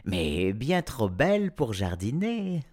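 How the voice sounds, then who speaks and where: A cheerful, practical wife from a children's storybook, speaking brightly and eagerly in a raised voice , as a male narrator puts her on. Her pitch swings about in a lively way. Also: takes it slowly. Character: cheerful practical wife, middle-aged woman.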